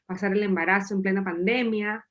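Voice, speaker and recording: A woman from Peru in her thirties, a podcast guest telling her story in a lively, chatty way with occasional laughs. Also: mid-range voice, brisk, lo-fi sound. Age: 30s. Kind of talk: casual interview storytelling.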